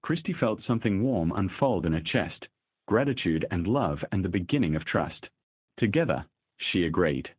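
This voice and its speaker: A man narrating a scripted romance story in a steady, even way. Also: sits low, moderate pace, breathy edge, no room sound. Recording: dry, tinny phone-like sound.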